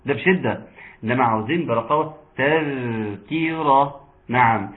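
Egyptian guy teaching quran recitation online, patient, mid pitch, sounds like a phone call. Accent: Egyptian Arabic. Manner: explains patiently, then chants verses slowly. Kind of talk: online tajweed lesson. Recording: tinny phone-like line.

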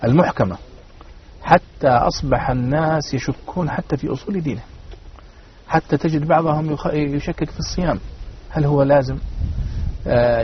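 A man speaks formal standard Arabic at a brisk pace in a religious panel discussion. His delivery is preacherly and addressed straight to the audience. The recording is muffled, with faint noise under the voice. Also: medium pitch. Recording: dull, noisy radio-like sound.

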